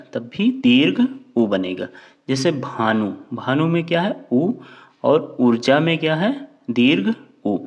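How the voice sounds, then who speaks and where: Slow, methodical male teacher. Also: medium pitch, highs cut off. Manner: asks a question, then answers it himself; slow, drawn-out words when spelling out examples. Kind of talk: grammar lesson with questions to the class.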